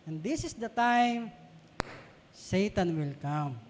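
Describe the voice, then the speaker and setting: A man's voice: high voice, expressive, slow, a little hiss or hum. A man with a Filipino accent preaching a sermon in a conversational way, often putting questions to the congregation. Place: church hall. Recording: long reverb of a church hall.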